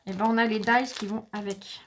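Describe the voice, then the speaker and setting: A woman's voice: on the high side, fairly even intonation, brisk, background noise. A French woman chatting casually to viewers as she unboxes craft supplies, enthusiastic and talkative. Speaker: craft vlogger.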